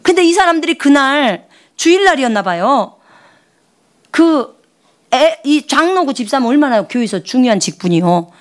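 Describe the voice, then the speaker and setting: A middle-aged woman missionary delivers a sermon with a high, bright voice that swings widely in pitch. She tells her story lively, dropping to hushed asides and then rising into excited, high-pitched outbursts. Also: moderate pace. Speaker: missionary preacher.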